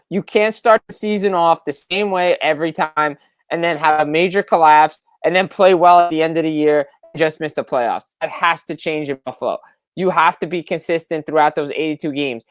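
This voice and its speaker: A man's voice: a little high, no room sound. A man hosts a sports podcast, making his case emphatically and circling back to the same points again and again. His voice is clean and resonant, recorded dry with no room sound. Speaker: podcast host. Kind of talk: casual sports talk.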